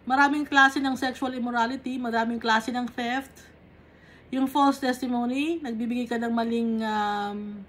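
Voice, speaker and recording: A woman's voice: fairly high pitch, a bit bright, slight background noise. A woman teaching a Bible study. She reads verses aloud and then explains them patiently, step by step, checking in with short tag questions. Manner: mixes English Bible reading with Tagalog explanation.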